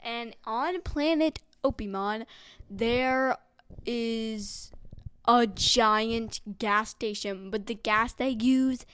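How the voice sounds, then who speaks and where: A woman's voice: a little high, drawn-out words, a bit bright, clean tone, no room sound. A young woman guest on a podcast, eagerly adding playful twists to an improvised silly story. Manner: eager, playful, jumps in with new plot twists.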